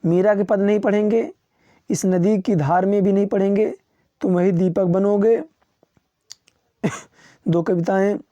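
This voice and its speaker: A male coaching teacher going through a syllabus, listing topics one after another and chuckling now and then. His voice is very dark and mellow. The recording is dry and close, with no room sound. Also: sits high, no room sound, highs cut off. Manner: slows down to read English titles. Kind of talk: syllabus walkthrough for students.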